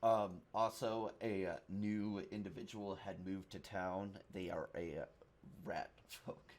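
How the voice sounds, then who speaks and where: A man narrating a tabletop game as game master in a casual, halting way. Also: low voice, fairly even intonation. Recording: faint background noise.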